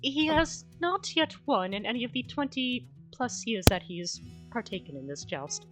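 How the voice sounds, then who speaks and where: A woman playing a stunned young adventurer in a tabletop game, awkwardly polite and halting. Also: a little high, expressive, over music, natural voice. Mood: deadpan. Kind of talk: tabletop role-play voice.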